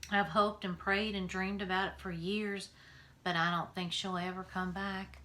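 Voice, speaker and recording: A woman voicing a grieving, gentle preacher father who speaks slowly and softly. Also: mid-range voice, level tone, natural voice. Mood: soft tender. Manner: slow, soft and weary.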